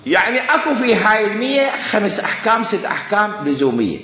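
A man's voice: sits high, big pitch swings, brisk, sharp tone. A man with an Iraqi accent giving a classroom lecture, driving his points home by repeating them and asking rhetorical questions. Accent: Iraqi Arabic. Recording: very echoey room.

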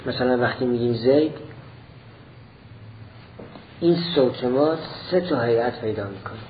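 Slow, deliberate male lecturer, lo-fi. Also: mid-range voice, a little hiss or hum. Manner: slow and deliberate, repeating points step by step. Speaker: teacher of philosophy. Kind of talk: slow explanatory lecture on a classical text.

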